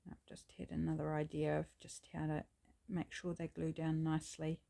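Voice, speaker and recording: A woman with a New Zealand accent and a low-pitched, gravelly, scratchy voice chats at a moderate pace while working on a craft project. As a craft channel host, she sounds relaxed and chatty, thinking aloud as she goes.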